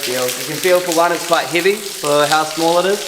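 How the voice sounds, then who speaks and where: A man's voice: a little high, a little fast, heavy background noise. A man leading a cave tour, joking casually, his voice ringing with cave echo. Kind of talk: guided tour talk. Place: inside a cave. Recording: echoey cave, distant mic, music behind.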